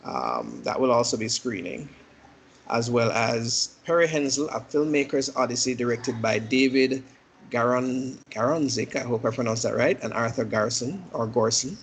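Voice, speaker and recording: A man hosting an online meeting, listing films in a relaxed, hesitant way with lots of fillers. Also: mid-range voice, normal speed, vocal fry, slight background noise, rough recording. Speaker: meeting host. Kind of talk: casual meeting announcements.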